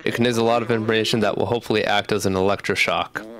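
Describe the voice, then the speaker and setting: A man's voice: lowish voice, fairly even intonation, racing, fairly bright tone, natural voice. A man voicing a hopeful, earnest small robot companion, reading game lines aloud in a raised voice.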